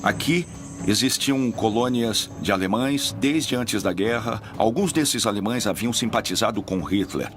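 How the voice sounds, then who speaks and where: A man's voice: on the low side, animated, a little slow. A man voicing dubbed documentary commentary in a storytelling manner. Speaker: voice-over dubber of an interviewee. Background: music.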